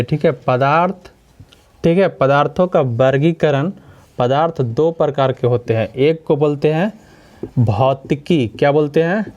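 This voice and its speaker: Male teacher, slightly high voice, lesson style, quizzes the class and repeats terms. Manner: repeats key words and quizzes listeners with questions. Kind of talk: classroom lecture.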